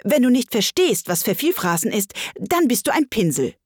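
Woman voicing a bossy male griffin, storybook, loud, brusque, high, breathy, dry. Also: big pitch swings, moderate pace, no room sound.

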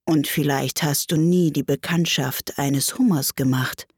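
A woman voicing a weepy, melancholy turtle creature that speaks slowly, low and sorrowfully. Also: fairly even intonation, darkish tone, breathy edge, no echo, studio quality. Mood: mournful. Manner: slow, sighing, low and sorrowful.

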